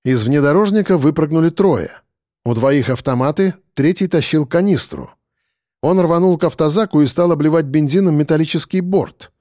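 A male audiobook narrator reads an action story in a steady, measured way. His voice sits a little high for a man but sounds dark and mellow. The recording is dry and close, with no room sound. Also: dry recording.

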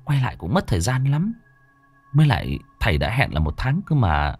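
A man voicing a practical husband who calmly reasons with his wife. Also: medium pitch, fairly quick, breathy edge, no echo, heavily acted. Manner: reasoning, reassuring. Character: calm practical husband driving.

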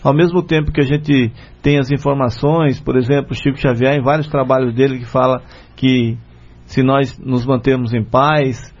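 A man's voice: mid-range voice, fairly even intonation, normal speed. A man with a Brazilian Portuguese accent hosts a spiritist radio program in earnest, conversational talk, often adding "né?". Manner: earnest, retells a story with many "né?" fillers. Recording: dull lo-fi radio recording.

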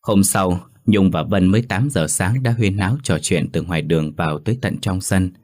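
Deep-voiced male storyteller. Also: normal speed. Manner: steady storytelling delivery. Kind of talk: scripted audiobook narration. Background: faint music.

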